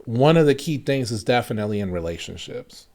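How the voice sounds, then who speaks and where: A man's voice: medium pitch, animated, fairly quick, darkish tone. A man in his thirties co-hosting a casual faith podcast, talking earnestly and reflectively with lots of fillers and restarts. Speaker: podcast co-host.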